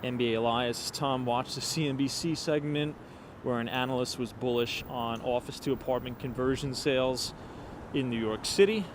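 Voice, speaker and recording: A man's voice: medium pitch, steady tone, moderate pace. Late-twenties male vlogger, casual walk-and-talk, street noise in the mix. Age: 20s. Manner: chatty, thinking aloud with fillers and asides to viewers. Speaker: livestream walking vlogger. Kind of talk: casual livestream chat while walking. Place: outdoors on cold city streets at night.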